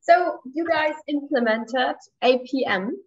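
A woman presents in a webinar over a video call, talking hesitantly with many ums and "right?" checks. Her voice is fairly high, and the call audio sounds a little dull and lo-fi. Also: slow pace. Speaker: presenter and software trainer.

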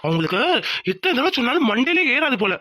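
A woman's voice: sits high, sing-song, fast talker, bright, forceful tone, full character voice. A woman voicing a caring young husband in a cartoon, who keeps pressing with questions and flares up when his wife is wronged. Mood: indignant. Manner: insistent questioning, fired up. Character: caring young husband, protective and quick-tempered. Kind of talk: cartoon voice acting.

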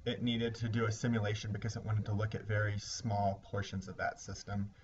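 A man teaching a recorded lesson, explaining ideas step by step in a measured way. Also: on the low side, monotone. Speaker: instructor. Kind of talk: recorded lecture. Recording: slightly dull lo-fi recording with faint hiss.

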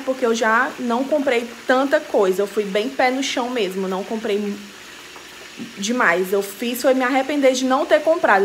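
Young woman, fairly high voice, casual home vlog, chatty, handheld camera at arm's length, faint room noise. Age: young adult. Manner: chatty, talks straight to viewers. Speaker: vlogger. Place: home kitchen and living room, indoors.

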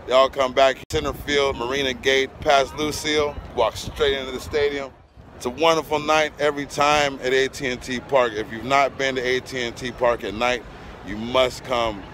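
A man in his thirties holds his phone at arm's length and vlogs while touring a busy baseball stadium concourse, outdoors and in the crowd. His mid-range, fairly bright voice sounds upbeat as he chats enthusiastically with fans in casual selfie-camera narration. Crowd chatter and background music make the recording noisy.

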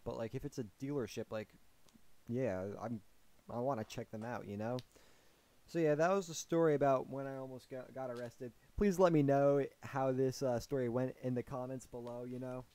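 A young man tells a story for his vlog audience in a loose, rambling way. He is full of fillers and restarts, and his voice sits mid-range with a mellow, soft tone. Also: medium pitch. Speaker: vlogger.

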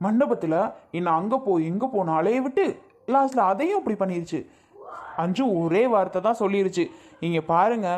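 Woman voicing a young husband in a family skit, resigned and firm, mid-pitched, everyday delivery. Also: darkish tone, close to an everyday voice. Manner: pleading, then resigned and firm. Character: young husband torn between wife and sister.

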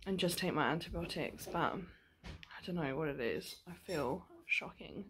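A woman's voice: low-pitched, expressive, measured pace, a bit bright, a little hiss or hum. A woman in her twenties talking casually to her video diary, tired and nauseous, speaking wearily with a sore jaw after dental surgery. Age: 20s. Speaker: vlogger. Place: small living room or bedroom at home.

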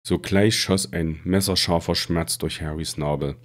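A man reading a fantasy novel aloud in a steady, dramatic storytelling manner. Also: sits low, unhurried. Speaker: reader.

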